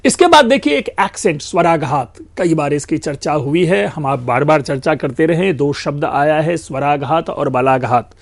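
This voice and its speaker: A male lecturer with a fairly high voice explains grammar patiently, stretching out example sounds and switching into English phrases now and then. He talks to his students as friends in a steady, academic lecture. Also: vocal fry. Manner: explains slowly, drawing out sounds and mixing in English; addresses listeners as friends.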